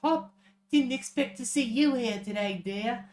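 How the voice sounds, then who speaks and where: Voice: medium pitch, unhurried, a little mellow, echoey room, pitched above the performer's own voice, close to an everyday voice. A streamer voicing a cheery mother character from a game in a put-on Australian accent. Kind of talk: voice acting a game scene on stream.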